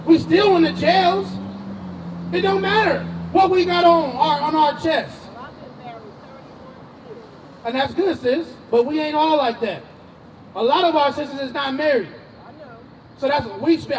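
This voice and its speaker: A man's voice: very high voice, far from the mic, poor audio. A man street preaching, emphatic and slangy, calling on a reader and questioning the crowd outdoors.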